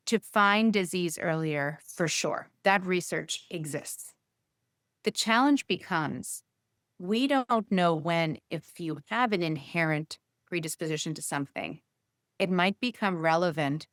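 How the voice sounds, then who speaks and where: Lower-voiced woman explaining with ease. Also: clear, resonant tone, dry recording, clean studio sound. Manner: explanatory, lively, thinks aloud with fillers. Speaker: guest, physician and healthcare innovation executive. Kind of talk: casual interview conversation.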